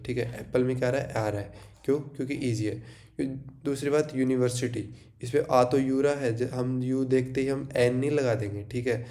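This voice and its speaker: Indian man teaching at a mellow tone. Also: medium pitch. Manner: checks in with frequent "theek hai", asks and answers own questions. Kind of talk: Hindi-English exam lecture.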